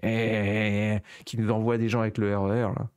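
A man's voice: on the low side, flat delivery, brisk, darkish tone, clear, resonant tone. A French man with a Parisian-region accent, riffing playfully as a comedy panel judge with exaggerated storytelling. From France. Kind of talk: comedic casual commentary.

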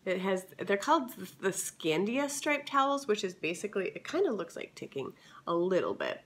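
A woman's voice: mid-range voice, big pitch swings, normal speed. A woman vlogger with a scratchy voice, chatting enthusiastically through a haul video. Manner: chatty and enthusiastic, many fillers.

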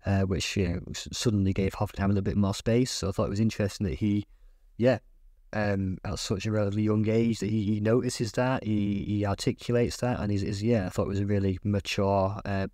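Male football pundit, lowish voice, casual and halting delivery with repeated words, dry close recording. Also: warm tone, no room sound. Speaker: podcast guest, football journalist. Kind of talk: casual football podcast chat.

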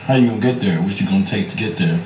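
A playful young man in his early twenties who teases and jokes in slang. The room is echoey, and a steady background noise sits clearly under his voice. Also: fairly low pitch, racing, recorded from a distance. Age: 20s. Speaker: guest. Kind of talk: casual chat.

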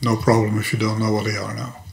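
This hobbyist teacher is an older native Dutch speaker with a Dutch accent, and his lowish, creaky voice moves fast with a completely flat delivery. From his desk in a home workshop room with electronics, he works through a computer topic in a screen-recorded programming lesson, patient and methodical, occasionally stumbling on a word.

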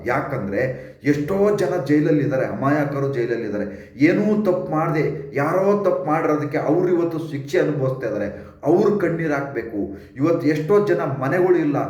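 A man's voice: a little high, darkish tone, reverberant. A man with a Kannada accent hosting his own channel, giving an earnest, repetitive opinion talk straight to camera. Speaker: YouTube channel host.

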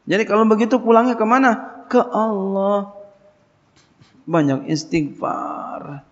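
On a dull lo-fi lecture recording, a pesantren teacher with a fairly high, fry-tinged voice talks religion casually. He keeps things colloquial, posing questions to his audience and then answering them.

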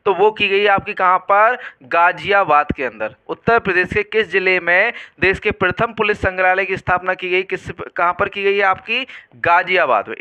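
Male exam tutor, high clear voice, quizzing style. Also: sharp tone. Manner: quizzing, repeats questions back to students. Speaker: exam prep teacher. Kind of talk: online exam lesson.

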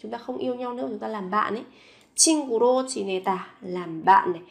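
Woman teaching Korean phrases slowly. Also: a little high, vocal fry. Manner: slow, careful repetition of each phrase. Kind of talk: language lesson, repeating phrases and explaining.

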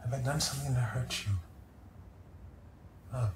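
A man's voice: mid-range voice, fairly even intonation, normal speed, lightly acted. An actor playing a flustered young man who stammers and pleads with his sulking girlfriend, in naturalistic film dialogue. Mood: pleading. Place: living room of a home. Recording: roomy room echo, faint background hum.

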